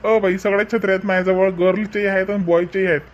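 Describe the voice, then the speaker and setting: With a natural, high-pitched voice and level tone, a man speaks quickly as a chatty umbrella seller from a village in a comic cartoon, using homespun sales talk. His accent is Varhadi Marathi from Vidarbha, and he comes across friendly and persuasive. The audio sounds dull.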